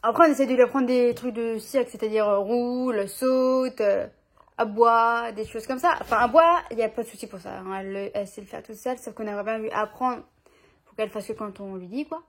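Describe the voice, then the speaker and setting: A woman's voice: on the high side, fairly quick. A young woman vlogging at home, chatting casually in an informal, slangy way with lots of fillers. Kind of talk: casual chat. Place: at home with her dog.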